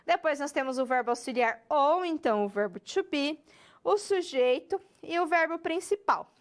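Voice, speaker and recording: In a recorded English lesson, a high-voiced, expressive woman teacher talks directly to her student and checks understanding with quick tags. When modeling English example questions, she stretches them out slowly.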